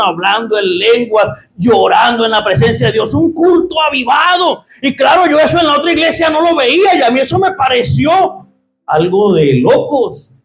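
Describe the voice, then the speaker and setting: A Colombian pastor with a Santander accent, a man giving his testimony in church with fervent preaching, keeps calling his listeners brother. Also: very high-pitched. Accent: Santander Colombian Spanish. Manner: fervent preaching, often breaks into shouting. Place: church with a congregation.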